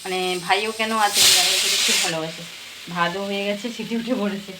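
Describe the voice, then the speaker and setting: A woman's voice: mid-range voice, steady tone, fast talker, heavy background noise. A woman in her thirties from Bengal, chatting casually and rambling with many fillers as a vlogger in her home kitchen. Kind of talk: casual home vlog chat.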